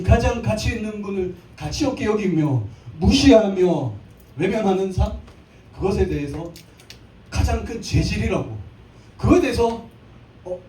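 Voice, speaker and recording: Male preacher, thirties, high mellow voice, joking live sermon, distant echoey church mic, faint hum. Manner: playful, acts out little scenes and jokes. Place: church sanctuary.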